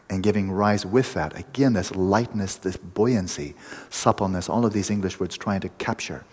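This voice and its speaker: A man giving a meditation talk to a group, explaining in vivid images with pauses and restarts. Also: deep voice, a little mellow, slightly rough, big-room sound. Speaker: meditation teacher. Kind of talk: dharma talk to a retreat group.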